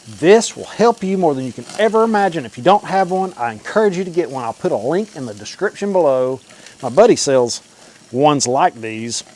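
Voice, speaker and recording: Food fries audibly on a grill as this cooking vlogger talks to the camera, folksy and informal. He has a fairly high, sing-song voice with a darkish tone and a brisk pace.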